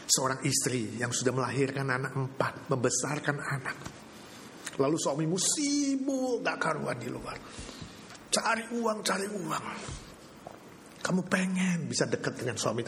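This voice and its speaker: High-voiced preacher in a reverberant hall. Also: male voice, a little slow, pauses often, a little hiss or hum. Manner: animated preaching with call-and-response and acted quotes. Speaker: pastor. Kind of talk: sermon. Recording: long hall reverb, faint ambience.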